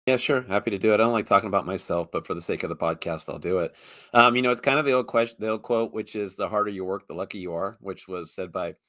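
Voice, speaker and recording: A man in his fifties appears as a podcast guest in casual interview talk, his low voice slightly hoarse from illness yet a bit bright. He speaks fast and rambles enthusiastically, often repeating words as a thought builds. The recording is dry and close.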